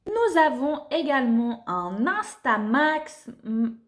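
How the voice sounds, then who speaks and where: A woman's voice: sits high, sing-song, takes it slowly. Chatty young woman reviewing skincare. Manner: chatty, enthusiastic, many fillers. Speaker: beauty vlogger. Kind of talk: casual product review.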